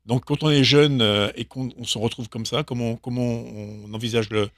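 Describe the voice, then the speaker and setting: Brief: male host with a mid-range voice, measured questions, dry studio sound. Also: medium pitch, steady tone, no room sound. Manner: measured, with many fillers. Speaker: radio show host. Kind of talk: talk-show interviewing.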